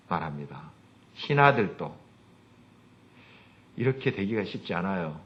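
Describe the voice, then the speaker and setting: A male pastor preaches an earnest sermon at a middle pitch and reads scripture aloud slowly. The recording is dull and lo-fi.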